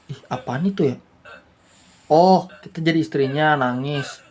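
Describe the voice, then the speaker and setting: A woman's voice: sits low, a little slow, darkish tone. A woman hosting a gaming channel, chatting casually over a game in slangy, laid-back commentary. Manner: chatty, slangy, keeps saying "bro".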